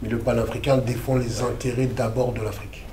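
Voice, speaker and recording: A man's voice: medium pitch, level tone, a little fast, echoey room, background noise. A man from the Democratic Republic of the Congo, in his thirties, speaking as an activist interview guest in a casual, emphatic, slangy way.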